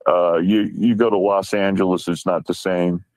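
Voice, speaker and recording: A man's voice: deep voice, fairly even intonation, moderate pace, a little mellow, dry recording, rough recording. A man guest chatting casually, telling a rambling anecdote and acting out the quoted lines. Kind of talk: casual chat.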